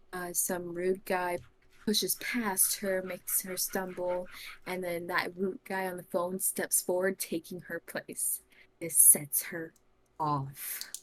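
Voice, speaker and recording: A woman's voice: fairly low pitch, slight background noise. A woman on a podcast, telling a made-up tabletop fantasy story in casual talk and often giggling. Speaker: podcast co-host.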